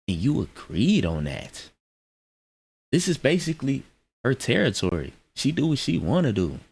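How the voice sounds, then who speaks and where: Brief: male reaction commentator, husky, gravelly, animated and slangy. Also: mid-range voice.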